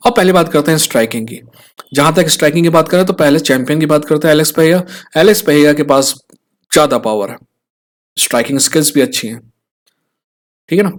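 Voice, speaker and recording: Indian man explaining fights casually. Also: medium pitch. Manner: conversational, tag questions to viewers. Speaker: fight analyst host.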